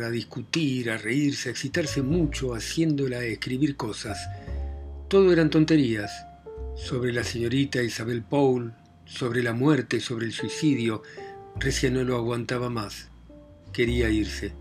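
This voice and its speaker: A man narrating a novel in a measured reading voice, letting his voice drop softly at the ends of phrases. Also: medium pitch.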